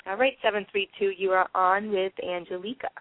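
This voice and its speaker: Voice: medium pitch, steady tone, fairly quick, no echo. A talk show host running a phone-in interview, easygoing and apologetic, full of okays. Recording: tinny phone line.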